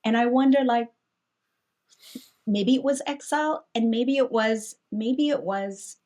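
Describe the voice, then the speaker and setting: A woman from Hong Kong, a pastor, talking through a Bible passage in a reflective, conversational way, with frequent restarts and animated asides. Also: a little high, unhurried.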